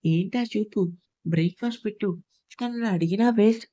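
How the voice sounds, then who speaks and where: A woman's voice: medium pitch, a little fast, mellow, lo-fi sound, natural voice. A woman voicing a brusque, hot-tempered young husband who talks in curt, commanding bursts. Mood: irritated.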